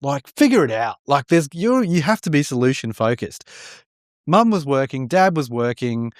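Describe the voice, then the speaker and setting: A man's voice: medium pitch, very animated, normal speed, no echo. Nz guy guesting on a podcast, rambly and frank, lots of "right?", dead dry mic. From born in India, raised in New Zealand. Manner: candid, rambling, restarts often with frequent "right?". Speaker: podcast guest, mortgage broker. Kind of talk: casual chat.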